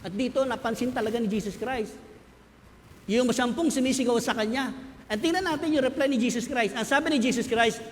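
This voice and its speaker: A man's voice: extremely high pitch, a little fast, slight background noise. A man with a Filipino accent preaching a sermon, explaining scripture in mixed English and Tagalog with rhetorical questions. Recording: long hall reverb, faint ambience.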